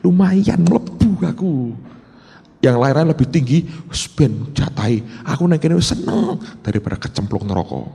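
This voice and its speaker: Lively, gravelly preacher in a big hall. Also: male voice, on the high side, moderate pace. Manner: storytelling, swings from shouts to hushed whispers, slips into Javanese. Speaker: pastor. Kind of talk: sermon.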